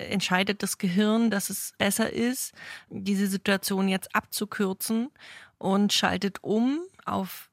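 Gravelly-voiced woman, thoughtful, dry mic. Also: mid-range voice, no room sound. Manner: thoughtful, searching for words, many fillers. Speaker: special education and sports teacher, co-host. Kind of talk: casual informative chat.

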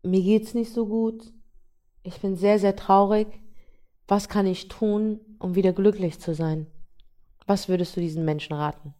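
Female podcast host, mid-pitched voice, earnest and reflective, asks questions. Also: steady tone, a little slow, warm tone. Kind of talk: casual podcast conversation.

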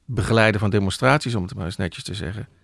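Gravelly low-voiced man, hesitant explaining. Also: quick pace, a bit bright, dry recording, studio quality. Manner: thoughtful, many hesitations and restarts. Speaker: journalist guest. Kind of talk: conversational explanation.

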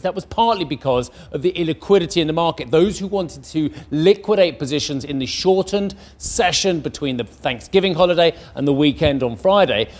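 Brisk male news presenter. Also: a little high. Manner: brisk, assured delivery with asides.

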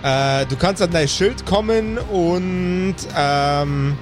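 A man with a high-pitched voice speaks extremely slowly while game-mastering an improvised tabletop game, making up the action and describing it in detail. Music plays in the background behind his voice.

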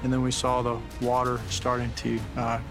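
Even-toned man in interview over music. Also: medium pitch, normal speed, gravelly. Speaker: military interviewee. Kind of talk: documentary interview recollection.

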